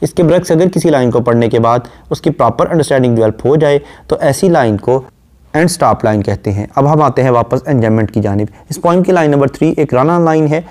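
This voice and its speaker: A man's voice: medium pitch, mellow. Lecturing man, explains poetry line by line. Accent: Urdu-inflected Hindustani. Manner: explains line by line, quotes slowly then paraphrases; rapid listing during rhyme scheme drills. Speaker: literature lecturer.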